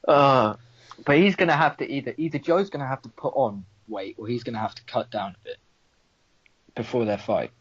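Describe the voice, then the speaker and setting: A man's voice: medium pitch, fairly quick, husky, dry recording. A young man with an Irish accent co-hosting a casual podcast, bantering and swearing freely. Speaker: podcast co-host. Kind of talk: casual chat. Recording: dull lo-fi dry sound.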